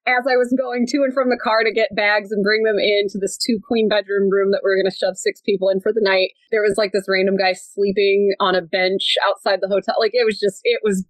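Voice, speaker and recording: A woman's voice: medium pitch, level tone, brisk, few pauses, no room sound, poor audio. A woman guest telling a road trip story in a chatty way, often laughing and saying "like". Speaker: podcast guest. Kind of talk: casual storytelling.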